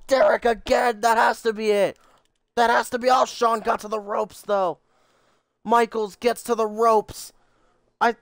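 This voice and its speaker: A man calling play-by-play like a wrestling commentator, with dramatic, excitable calls and casual asides. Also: high-pitched, clean tone, no echo, studio quality. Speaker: video game player commentating on a wrestling match.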